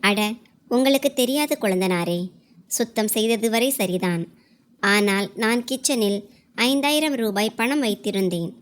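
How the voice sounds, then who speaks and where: A woman voicing a sharp-tongued, scornful young daughter-in-law who mocks and accuses. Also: a little high, measured pace, close to an everyday voice. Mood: accusing. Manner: mocking, accusing.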